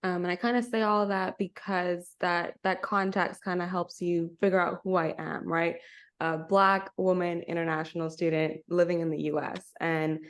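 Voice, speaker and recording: A woman's voice: on the low side, flat delivery, moderate pace. A young woman from the Bahamas, co-hosting a podcast in casual, reflective chat over a call. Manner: reflective, self-introducing, often says "kinda" and "right?". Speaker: podcast co-host. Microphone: video call.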